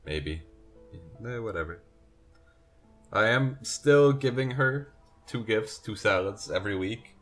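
A sleepy young man rambles through commentary on a farming game, yawning and correcting himself as he goes. His voice sits on the low side and sounds fairly bright and expressive. He speaks slowly with long pauses, and faint music plays behind him.

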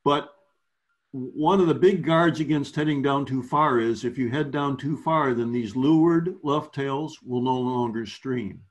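A man of ordinary pitch explains things patiently over a video call, backing up and restarting his sentences as he goes. He sounds like a coach walking newer learners through a lesson. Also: unhurried. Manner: explanatory, restarts phrases often. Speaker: sailing clinic instructor. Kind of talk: virtual clinic teaching.

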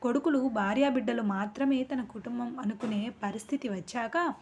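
A woman narrates a family drama with earnest, expressive phrasing. Her voice sits a little high. A faint bed of ambient noise runs under the reading. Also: moderate pace. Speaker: storyteller.

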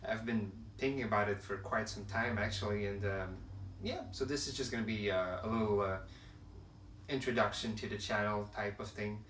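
A young man from Quebec, Canada, a native French speaker, hosts his channel in a relaxed talk to camera, stumbling through fillers and restarts as he looks for words. His voice is lowish and a bit bright at a moderate pace. The setting is a home room with shelves of films and games, picked up by a far-off camera with roomy sound and faint hiss.

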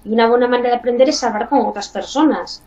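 A woman from Spain, speaking with a Spanish accent, chats as a guest in a casual interview; she's a bilingual parent and thinks aloud with "mm" and "pues." Her voice is on the high side and a little mellow, and she talks fast. The mic sounds distant, dull and lo-fi.

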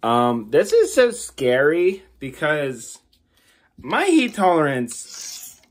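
A man in his thirties talks casually to his viewers on a phone at home. His pace is slow and his pitch moves around a lot. The wording is loose and informal. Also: wildly swooping pitch. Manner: informal, swearing, addressing viewers as guys. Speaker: vlogger doing a food challenge. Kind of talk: casual vlog chat. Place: small indoor room at home. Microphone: phone at about arm's length.

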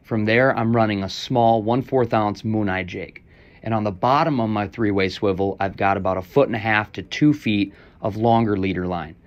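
A young man giving a relaxed, instructional voice-over about a fishing rig for his fishing vlog. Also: lowish voice, moderate pace.

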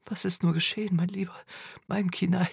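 A man's voice: on the high side, moderate pace, creaky, slightly rough, no echo, voice pushed up, full character voice. A man voicing a frightened, grieving mother in an audiobook who begs and stammers in a raised voice. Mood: pleading. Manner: pleading, sobbing, stammering. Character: frightened grieving mother, woman pleading with son. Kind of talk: audiobook character voice.

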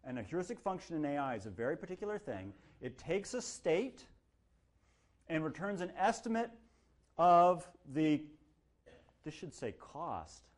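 A man's voice: fairly high pitch, a little slow. A man lecturing a university class in a casual, joking way, acting out little quoted voices as he explains. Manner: lively, jokey, acts out quotes. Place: lecture hall.

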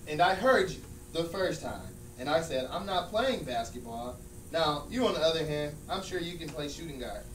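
A man's voice: a little high, expressive, moderate pace, close to an everyday voice. A man acting out a smug, exasperated friend who mocks and corrects emphatically in a comedy scene. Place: large room with small stage, indoors. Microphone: far camera. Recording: distant, echoey room with hum and noise.

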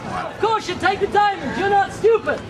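A middle-aged man preaches in the open air with a very high voice, bantering and pressing his listeners with pointed questions. He is picked up from some distance, and a loud crowd and street noise fill the background. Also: lively intonation, moderate pace. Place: outdoor seaside promenade with a crowd.

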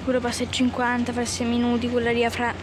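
A woman giving casual, halting vlog commentary on a phone at an outdoor railway station, often trailing off. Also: a little high, completely flat delivery, noisy background. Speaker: train-spotting vlogger. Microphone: handheld phone, speaker off camera.

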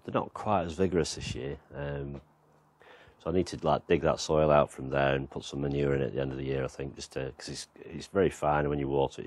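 A gardening vlogger with a very deep, slightly mellow voice gives a casual, rambling tour of his allotment and back garden outdoors, using lots of fillers. He films it on a handheld camera, and the recording sounds dry.

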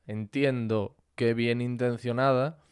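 A man's voice: medium pitch, fairly even intonation, takes it slowly, smooth. A man with a Spanish accent from Spain, hosting a podcast and asking attentive, reflective questions. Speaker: podcast host. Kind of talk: conversational interview.

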